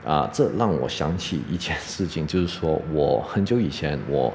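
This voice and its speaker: A middle-aged man teaching English pronunciation on a podcast, chatty and relaxed, tagging "OK?" onto his sentences. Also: a bass voice, normal speed, long reverb tail, slight background noise. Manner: relaxed, chatty, peppers speech with "OK?".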